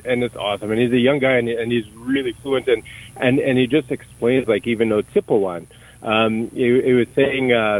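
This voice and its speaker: A middle-aged Canadian man with a mid-range voice appears as a guest in a conversational interview. He speaks thoughtfully and searchingly, often restarting and repeating words. The recording is rough.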